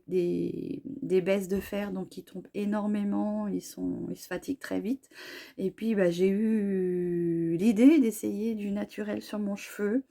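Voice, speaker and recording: A middle-aged beauty vlogger, hoarse from a cold, chats casually about her hair products with many fillers and restarts. Her voice has a medium pitch and a dark tone.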